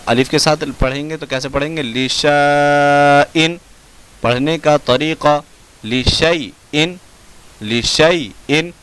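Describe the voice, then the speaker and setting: A man teaching Quranic spelling in a slow classroom lesson, drawing out each recited word in a chant and then explaining quickly in a lower voice. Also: fairly bright tone, clean tone. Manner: drawn-out chanted recitation of words between quick low explanations.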